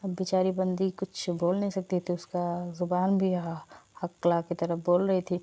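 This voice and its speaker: Woman storyteller, casual chatty narration, dark mellow tone, flat delivery. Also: fairly low pitch, unhurried. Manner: conversational, chatty asides.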